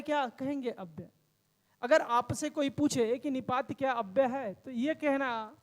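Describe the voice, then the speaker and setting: A male grammar teacher with a high voice lectures in a room that rings with long reverb. He explains step by step, posing questions to the class and answering them himself.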